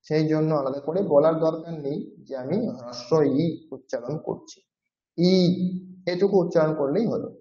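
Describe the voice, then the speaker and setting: A man's voice: fairly high pitch, a little fast, dark tone. A man teaching a language class, patiently explaining and repeating each sound several times to demonstrate it. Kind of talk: classroom lecture. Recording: roomy, dull-sounding audio.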